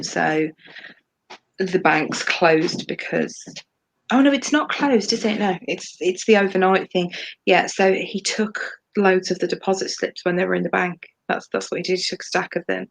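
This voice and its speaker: Woman co-host, flat gravelly delivery, rambling with ums, video-call audio. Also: on the low side, a little hiss or hum. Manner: rambling, hesitant with many ums. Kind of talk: casual livestream discussion.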